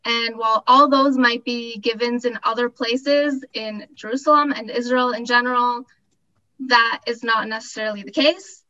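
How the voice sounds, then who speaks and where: Speaking at an online info session, this woman in her twenties from Costa Rica, a graduate student, offers a casual and eager testimonial. Her pitch leans high and her intonation stays fairly level at a normal speed, with a bright, forceful tone. The high frequencies are cut off.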